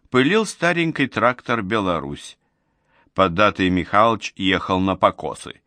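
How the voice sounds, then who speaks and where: Lively bright-voiced male audiobook narrator. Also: on the low side, no room sound. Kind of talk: scripted story narration.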